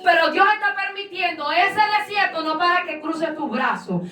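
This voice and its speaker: A woman's voice: extremely high pitch, normal speed, pushed and bright, reverberant, far from the mic, soft background music. A woman pastor giving a fervent sermon in a repetitive preaching cadence.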